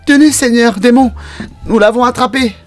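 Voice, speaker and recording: A man's voice: normal speed, soft background music. A man voicing a fawning, awestruck evil witch who reveres a demon lord in a tabletop game, theatrical in manner. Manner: high-pitched, reverent and theatrical.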